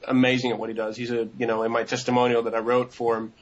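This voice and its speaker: A young man in his twenties talks through an interview in a loose, rambling manner, full of fillers and restarts. His voice sits at an ordinary middle pitch. The audio is dull and lo-fi. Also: monotone, fast talker. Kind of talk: casual interview answers.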